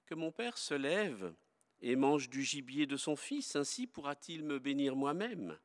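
A man reading the lines of Esau, an elder son and hunter, quiet and plain. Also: medium pitch, very animated, measured pace. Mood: earnest. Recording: long hall reverb.

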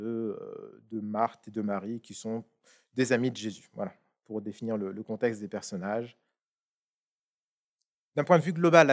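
Man reading scripture and preaching. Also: medium pitch. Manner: measured, emphatic, with restarts.

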